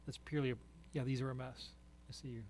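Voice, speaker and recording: A man chairs a city planning meeting in a mid-pitched voice. He is brisk and pragmatic, steering the discussion and cutting to the options. A faint hum sits under his voice. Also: little pitch movement, a little mellow. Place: council meeting room.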